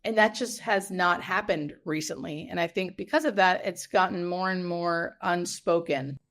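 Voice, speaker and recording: Earnest woman with a lowish voice. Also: moderate pace, a bit bright. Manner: earnest, emphatic, repeats key phrases for weight. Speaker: hospice nurse interviewed as guest. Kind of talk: conversational podcast interview.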